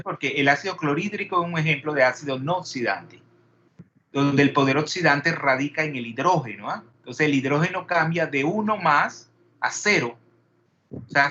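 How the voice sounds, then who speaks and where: A man's voice: a little high, highs cut off, noisy background. A man teaching a chemistry class, peppering students with questions and wandering into digressions. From Panama. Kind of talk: classroom lecture.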